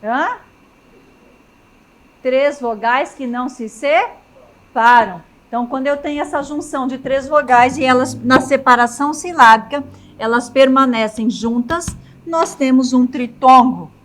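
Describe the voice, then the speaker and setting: Brazilian woman teacher, high voice, slow and patient, keeps checking in with the class. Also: fairly bright tone. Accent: Brazilian Portuguese. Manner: checks in with students often, writes on a chalkboard. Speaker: grammar teacher. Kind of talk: classroom lecture.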